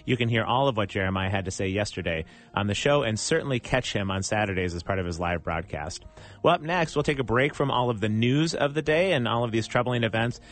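A man hosting a morning radio show from a studio, talking in an upbeat, smooth way as he promotes segments and interviews a guest. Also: lowish voice, fairly bright tone.

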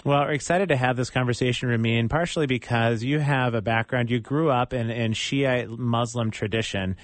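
A man's voice: medium pitch, moderate pace, no room sound. Upbeat male morning radio host. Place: radio studio.

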